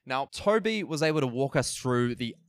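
A man's voice: medium pitch, expressive, moderate pace, dry recording. A man with a New Zealand accent hosting a podcast in an informal, conversational way. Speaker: podcast host. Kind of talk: casual podcast introduction and interviewing.

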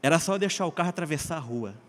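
Um homem brasileiro contando um testemunho em tom de pregação, animado, alternando gritos e murmúrios e chamando os ouvintes de gente e queridos. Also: male voice, fairly high pitch, expressive, racing, in a large hall, a little hiss or hum. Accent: Brazilian Portuguese. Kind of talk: sermon-style personal testimony.

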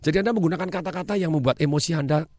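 Man, motivational speaker, rapid-fire delivery, emphatic, dry close recording. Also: fairly high pitch, no room sound. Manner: energetic, emphatic, mixes English phrases, laughs. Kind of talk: motivational talk.

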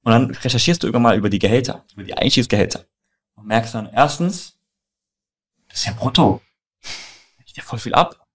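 Speaking fairly quickly with lively intonation and long pauses, this medium-pitched young man shares personal stories in a casual, emphatic, colloquial style, addressing the listener directly. He is a co-founder and co-host from Germany, born in Iran and raised in Mannheim.

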